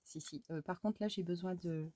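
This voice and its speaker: In a laid-back crafting vlog, a woman from France assembles a scrapbook, talking under her breath, crying out at minor accidents, and fondly chatting to her cat between steps. Her warm, fairly low voice holds a steady tone at a moderate pace, with slight background noise.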